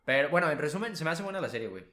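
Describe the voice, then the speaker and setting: A man's voice: fairly high pitch, sing-song, racing, pushed and bright. A man with a Mexican accent co-hosting a podcast in casual chat, slangy and profane, rambling with lots of fillers. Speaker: podcast co-host. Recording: roomy echo.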